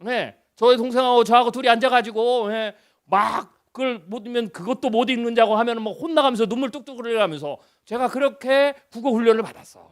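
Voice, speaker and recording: Very high-voiced Korean preacher man. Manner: conversational preaching with rhetorical questions; swings between loud emphasis and near-hushed lines. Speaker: guest preacher. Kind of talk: revival sermon.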